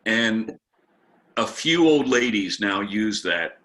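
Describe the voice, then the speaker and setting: A man's voice: lowish voice, lively intonation, slow pace, bright, forceful tone. A man, a pastor, presenting a workshop on a video call, telling candid stories with a slightly snarky humor. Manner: candid storyteller, a bit snarky. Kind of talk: conversational workshop talk with stories.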